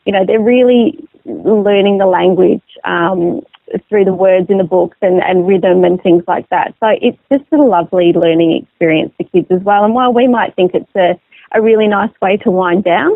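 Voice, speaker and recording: Female interview guest, explanatory and chatty, gravelly fry in the voice, tinny telephone sound. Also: mid-range voice, moderate pace, no room sound. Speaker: magazine editor as interview guest. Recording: narrow phone line sound.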